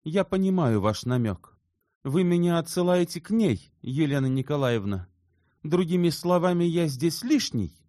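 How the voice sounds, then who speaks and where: A man voicing an excitable, touchy young male sculptor in an audiobook, with heated, shrill outbursts. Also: normal speed, no echo, clean studio sound. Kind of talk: audiobook character reading.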